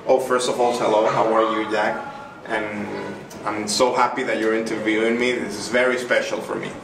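Being interviewed by a child, a middle-aged artist from Venezuela chats with gushing enthusiasm and plenty of fillers. His voice is low-ish and level, at a moderate pace. It was recorded in a small, echoey room with a distant mic and noise.

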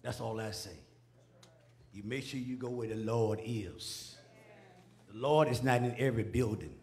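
Church speaker, man, folksy exhortation building to shouts, mid-pitch. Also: normal speed. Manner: call-and-response, folksy, rising to a shout. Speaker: preacher. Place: church sanctuary.

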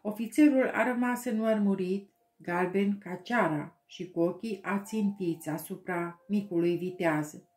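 A woman narrating an audiobook with slow, expressive storytelling. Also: medium pitch, roomy sound. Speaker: audiobook reader.

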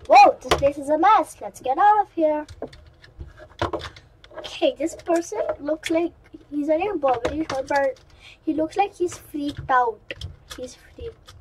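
A high-pitched woman narrates her game run as she plays. She is chatty and excitable and keeps wandering into asides to her viewers. A soft patter of keyboard typing sits faintly behind her. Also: a little slow, background noise. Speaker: gaming channel host. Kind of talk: let's-play commentary.

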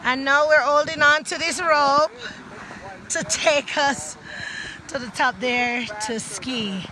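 A woman in her thirties with a Jamaican accent, excitedly vlogging to a phone held at arm's length outdoors on a mountain chairlift. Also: sits high, slow pace, a little hiss or hum. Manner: excited, laughing often, talking to camera. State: out of breath. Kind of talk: casual travel vlog.

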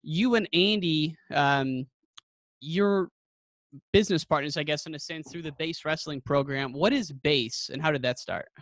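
A man's voice: a little high, unhurried, a bit bright, dry recording. Friendly male podcast host, dry sound. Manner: friendly, admiring, asks long rambling questions. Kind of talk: casual interview questions.

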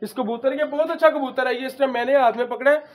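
A man from Pakistan who breeds and sells pigeons, talking loudly and emphatically as he shows birds to his viewers, repeating the same stock phrases. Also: very high-pitched, fairly even intonation, quick pace. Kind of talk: casual handheld show-and-tell. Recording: faint background noise with pigeons.

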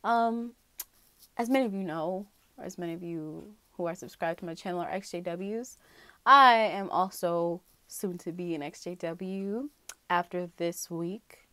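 A woman's voice: fairly low pitch, unhurried, pushed and bright, dry recording. Chatty woman vlogger, dry close sound. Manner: rambling, many fillers and restarts. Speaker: YouTuber reacting to a video. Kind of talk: casual reaction vlog chat.

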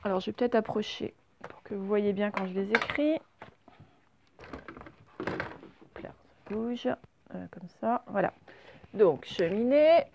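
A middle-aged woman, a primary school teacher giving a slow, patient spelling lesson with many fillers. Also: mid-range voice, fairly even intonation, creaky, a little mellow, slight background noise. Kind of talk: recorded spelling lesson for young pupils.

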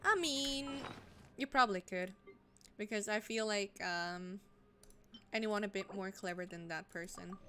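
A young woman streaming a game, chatting casually with lots of fillers and blunt swearing. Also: medium pitch. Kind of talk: casual chat while gaming. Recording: noisy home stream mic.

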